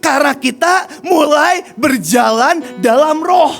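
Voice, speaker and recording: High-pitched gravelly male preacher. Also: animated, slow, faint music behind. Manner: storytelling, addresses listeners as "saudara", swings from hushed to shouting. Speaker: evangelist preacher. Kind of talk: sermon with personal testimony.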